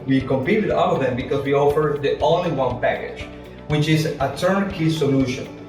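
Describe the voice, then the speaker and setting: A man, an English speaker, answering interview questions as an entrepreneur in a halting, repetitive, explanatory way. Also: on the high side. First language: not English. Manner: halting, repeats words, explains with rhetorical questions. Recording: echoey room, distant mic, music.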